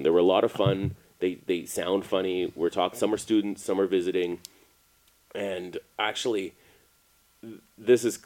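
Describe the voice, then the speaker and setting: A low-voiced young man from Canada spins a bar story in loose, casual podcast chat. He laughs easily and keeps the telling lively. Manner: laughing, animated storyteller who voices people in his anecdotes. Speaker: podcast co-host.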